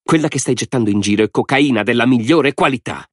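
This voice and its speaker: A man's voice: mid-range voice, fast talker, no room sound, clean studio sound, pitched above the performer's own voice, close to an everyday voice. A man voicing a fierce, defiant woman captive who taunts her captor. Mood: scornful. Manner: scornful, taunting.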